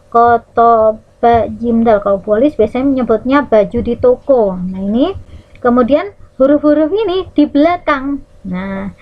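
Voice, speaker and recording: A woman teacher with an Indonesian accent explaining Quran recitation rules to children, drawing out Arabic words slowly as she demonstrates them and checking in with her class. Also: a little high, dull audio. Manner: lively teacherly, checks in with "ya" and "nah".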